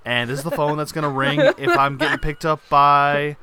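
A man co-hosting a casual sports chat, excitable and joking, with lots of filler words. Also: fairly high pitch, normal speed, crowd noise. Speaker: podcast co-host.

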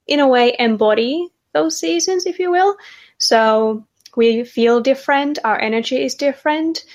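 Finnish-accented woman guest, soft, measured, slightly high voice, hesitant. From Finland. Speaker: guest, cycle coach. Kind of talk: conversational interview.

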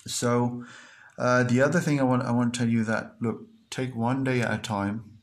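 A man's voice: medium pitch, fairly even intonation, moderate pace. A man hosting a podcast, speaking in an earnest, repetitive motivational monologue full of fillers and restarts. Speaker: podcast host.

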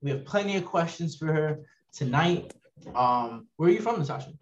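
A man hosting a casual podcast, talking in a halting way with many fillers and restarts. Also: fairly high pitch, expressive, lo-fi sound. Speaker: podcast host.

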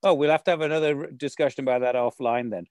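A man with a medium-pitched voice hosts a conversational interview. He sounds dry and free of room echo, and asks chatty, meandering questions. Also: quick pace, darkish tone. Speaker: interviewer, local show host.

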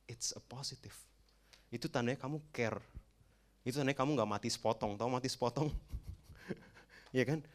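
A young adult male preacher giving a lively sermon, often asking his listeners questions and dropping English phrases into his talk. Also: lowish voice.

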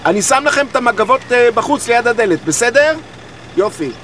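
A harried guesthouse owner who stammers, grumbles and rushes his words in a high, swooping voice. Clear noise hums under the comedy radio play recording. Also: lively intonation. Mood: flustered. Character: flustered harried middle-aged man running a guesthouse.

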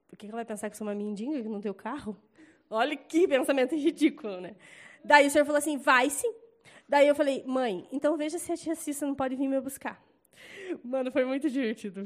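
Chatty high-voiced Brazilian woman. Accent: Brazilian Portuguese. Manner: chatty, animated storytelling with loud acted quotes. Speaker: church member giving a testimony. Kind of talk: casual testimony talk.

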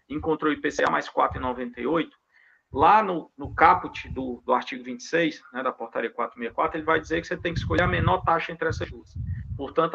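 Fast-talking consultant, gravelly and husky, patient step-by-step explainer, dull lo-fi sound. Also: male voice, a little high, bright, forceful tone. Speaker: investment consultant guest. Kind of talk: explanatory talk on pension investment rules. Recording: dull lo-fi audio.

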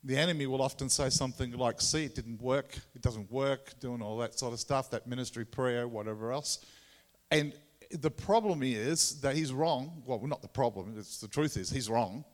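A man with a Tasmanian Australian accent gives an informal sermon as a visiting preacher, halting and conversational, often repeating his words. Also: medium pitch. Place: large room or hall, speaking to a congregation. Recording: echoey hall with long reverb.

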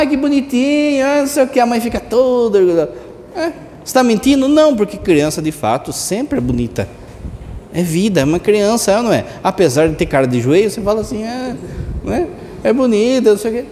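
Man, priest, Sunday homily, high lively voice, long church reverb. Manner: colloquial, animated, mimics voices of parishioners.

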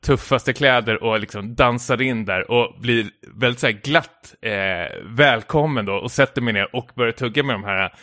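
Man, casual podcast storyteller, rambling with fillers, mid pitch, close dry mic. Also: hardly any pauses, bright, forceful tone, no echo. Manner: rambling storyteller, heavy filler words, stumbles and restarts. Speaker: podcast co-host telling a story. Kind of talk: casual chat, anecdote.

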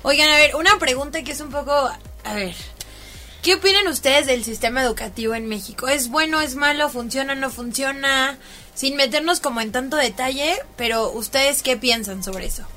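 A woman with a Mexican accent leads a relaxed conversation, her voice sitting high and bright. She asks questions in a lively, friendly way, with faint music playing behind her. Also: moderate pace. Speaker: host. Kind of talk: casual podcast chat.

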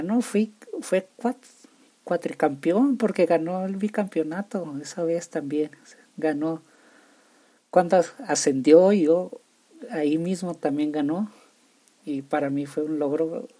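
A young man from Chihuahua, Mexico, hosts a casual solo podcast in a northern Mexican accent, often stumbling over his words and starting again. His voice is a little high and warm.

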